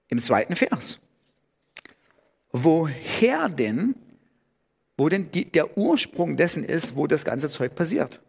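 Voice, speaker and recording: A man's voice: fairly high pitch, creaky, breathy edge. A man preaching a sermon in German, thinking aloud with restarts and rising sharply on key words. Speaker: pastor.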